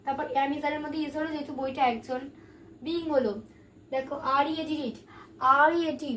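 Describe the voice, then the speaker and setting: Woman, grammar teacher, high-pitched, patient explaining, distant recording, faint noise behind. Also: steady tone, moderate pace, a bit bright. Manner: patient, asks and answers her own questions. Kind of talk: classroom grammar lesson.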